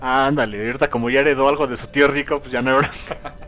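A man co-hosting a casual comic review chat, animated and acting out characters' lines. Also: medium pitch, soft background music. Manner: animated, acts out characters' lines in quick voices. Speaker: podcast co-host.

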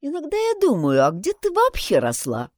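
A haughty young housemaid, voiced by a woman reader who bristles at every slight. The voice climbs high and swings widely. The recording is close and dry. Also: wildly swooping pitch, normal speed, darkish tone, no room sound. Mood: indignant. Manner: haughty, indignant. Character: haughty young housemaid, quick to take offence.

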